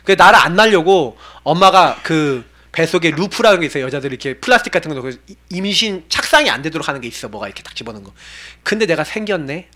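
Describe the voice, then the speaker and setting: A man in his forties, a pastor preaching a sermon with animated urging and low, confiding asides. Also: fast talker.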